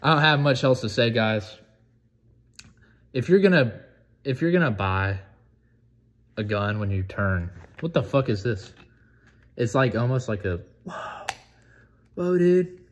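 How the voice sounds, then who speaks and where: An eighteen-year-old man from the United States chatting casually on a vlog, excitable, profane and rambling. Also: medium pitch, unhurried, pauses often, a little hiss or hum. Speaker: vlogger.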